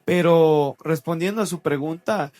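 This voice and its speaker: Guy on a church podcast, fairly high voice, animated storytelling. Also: a little slow. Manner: animated, acts out quoted voices. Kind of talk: casual storytelling testimony.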